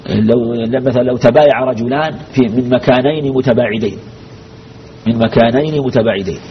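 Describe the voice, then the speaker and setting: A man acting as a sheikh teaches a lesson on religious law, quizzing his class and repeating the key phrases. He speaks fairly quickly in a mid-range voice, captured on a dull lo-fi recording with faint noise.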